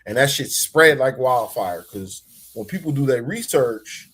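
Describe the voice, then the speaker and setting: A man's voice: mid-range voice, lively intonation, measured pace, a bit bright, slightly rough. Argumentative man on a panel. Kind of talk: casual chat.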